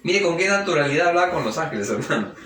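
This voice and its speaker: A fervent male pastor preaches in a church hall, his fairly high voice ringing back off the walls. He is caught from some distance by the microphone, with a faint hum of ambience underneath. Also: lively intonation, quick pace, fairly bright tone. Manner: fervent, keeps interjecting praise and calling the listener brother. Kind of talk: live church sermon. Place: church hall during a service. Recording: echoey church hall, picked up from afar.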